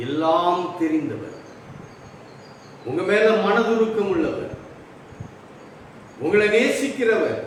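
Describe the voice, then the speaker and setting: A high-voiced male pastor with a Tamil accent delivers a sermon, moving between hushed low appeals and loud emphatic bursts. He sits far from the microphone in a church that rings with heavy echo. A faint hiss runs underneath. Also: lively intonation, slow, pauses often. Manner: swings between soft low appeals and raised emphatic lines. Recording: very echoey, distant church recording.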